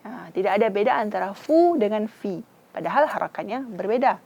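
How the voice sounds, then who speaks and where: Speaking with an Acehnese accent, an Indonesian woman leads a slow, careful tajwid lesson, patiently sounding out each syllable of Quran recitation. Her voice is medium in pitch and the sound quality is lo-fi.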